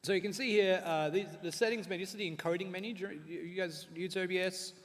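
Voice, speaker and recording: A man runs a live panel, chatty and loose with fillers as he eats. His voice sits high, and it rings out with the long echo of a big convention hall. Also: steady tone, fast. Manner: chatty, filler-heavy, talking while eating spicy chips. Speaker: panel presenter.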